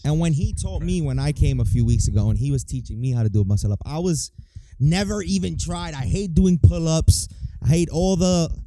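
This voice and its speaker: Hyping live-stream host, dark dry voice. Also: male voice, a little high, lively intonation, brisk, dry recording. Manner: hyping up his guest, conversational. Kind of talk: casual live chat.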